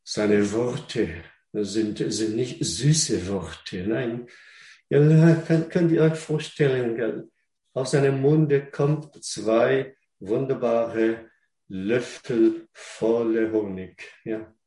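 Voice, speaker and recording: A man preaching a sermon in German, which is not his first language, at a slow and deliberate pace. He restarts and repeats words and turns questions back to the listeners. The sound is roomy, with a clear echo around the voice. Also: medium pitch, dark tone.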